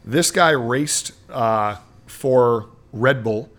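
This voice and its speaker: A man's voice: mid-range voice, extremely slow, a bit bright. A man co-hosting a sports podcast, explaining racing at length in a casual chat, with many fillers. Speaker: podcast co-host.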